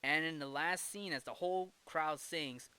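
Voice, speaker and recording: A man's voice: on the high side, moderate pace, bright, forceful tone, clear, resonant tone. A man giving a casual, enthusiastic recap of a film, laughing easily between restarts. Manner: enthusiastic, giggly, with frequent restarts. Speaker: film review vlogger.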